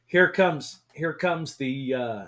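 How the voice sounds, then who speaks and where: A man co-hosting a casual sports talk radio show, excitable and swearing, often repeating himself. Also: fairly high pitch, slow.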